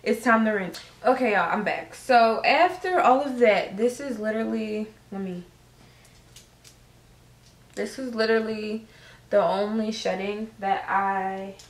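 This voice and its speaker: A woman with a mid-range voice speaks a little slowly, casually walking viewers through a hair tutorial in a room at home. Chatty and loose with slang and fillers, she's making a how-to vlog, captured by a camera mic set up at a distance that gives a roomy sound.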